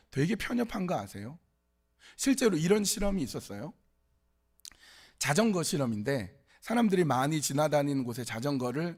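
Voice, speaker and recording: A man's voice: a little high, a little mellow, husky. A man preaching a sermon at a youth service, telling stories in a conversational way and acting out the quotes. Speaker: pastor.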